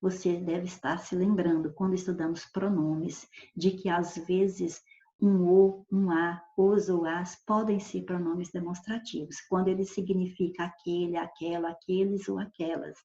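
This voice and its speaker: A woman teacher talks through a grammar lesson with patience, working through examples and checking in with "right?" as she goes. Her voice is mellow and relaxed. The recording is dull and lo-fi in a roomy, echoey space. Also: lowish voice, a little slow. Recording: echoey room, dull lo-fi sound.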